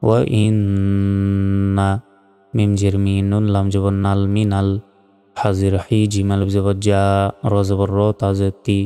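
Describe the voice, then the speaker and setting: A man teaching Quran reading, spelling out each letter and vowel slowly and reciting the verses in a drawn-out chant. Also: low-pitched, monotone, mellow, clear, resonant tone, in a large hall, soft background music.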